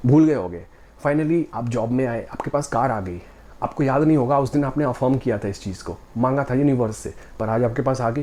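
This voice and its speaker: A man's voice: mid-range voice, a little mellow. A man giving a motivational talk, speaking directly and conversationally to the viewer and asking rhetorical questions.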